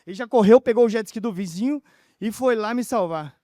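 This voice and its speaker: A man's voice: high-pitched, warm tone, no echo, clean studio sound. A man giving an emotional personal testimony talk at a conference, telling his story through many reported dialogues. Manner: emotional, halting. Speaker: conference speaker.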